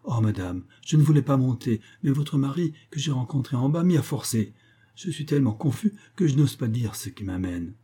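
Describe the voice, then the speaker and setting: A man's voice: mid-range voice, expressive, fairly quick, warm tone, slightly rough, voice pushed up. A man reading aloud and voicing a timid young man who speaks in a hesitant, apologetic way.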